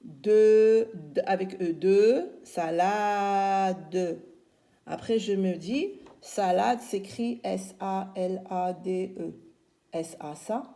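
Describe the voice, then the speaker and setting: Slow, deliberate woman teacher spelling words. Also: mid-range voice, creaky, warm tone. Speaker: primary school teacher. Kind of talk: spelling lesson for young children.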